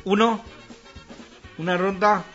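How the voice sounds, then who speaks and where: A man's voice: high-pitched, fairly even intonation, slow, fairly bright tone, lo-fi sound, soft background music. A man telling jokes in a playful, bantering back-and-forth with his co-host. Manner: playful, bantering, acts out joke voices. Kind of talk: casual joke-telling contest.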